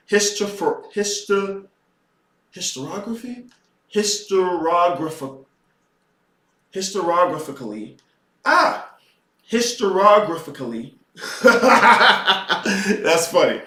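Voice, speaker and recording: A man hosting a podcast, lecturing in an impassioned, profane monologue that swings between quiet asides and loud, emphatic outbursts. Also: high voice, expressive, takes it slowly, long pauses, reverberant, recorded from a distance. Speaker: podcast host lecturing on occult philosophy.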